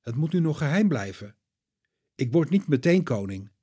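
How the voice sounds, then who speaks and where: A man voicing Jesus as a calm, gentle and firm grown man in a children's Bible story reading. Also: a little high, moderate pace, husky, pitched above the performer's own voice.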